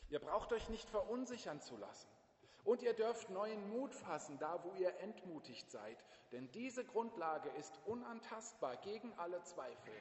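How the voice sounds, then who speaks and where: A male pastor preaching a sermon, emphatically and directly addressing the congregation. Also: on the high side. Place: church. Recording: echoey church, long reverb.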